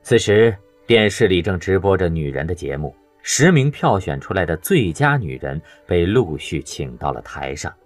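A man narrating an audiobook in an expressive storytelling way. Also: sits low, normal speed, hardly any pauses, dry recording, soft background music.

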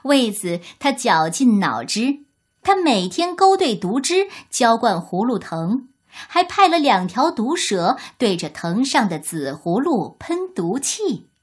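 A woman narrating a children's story in an expressive, deliberate way. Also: fairly high pitch, breathy edge.

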